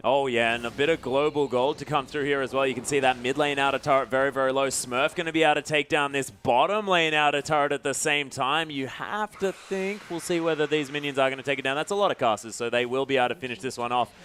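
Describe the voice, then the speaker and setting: A man giving color commentary on an esports match, wry and conversational with bursts of excitement. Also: mid-range voice, fast, few pauses, slight background noise.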